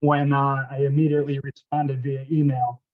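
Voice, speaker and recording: A man's voice: medium pitch, level tone, moderate pace. A man calling into a council meeting, combative and accusing as he presses officials for answers. His voice comes through a dull, lo-fi remote line that keeps breaking up. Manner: confrontational, accusing. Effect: remote call audio breaking up. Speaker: resident speaking at public comment. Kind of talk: public comment at a council meeting.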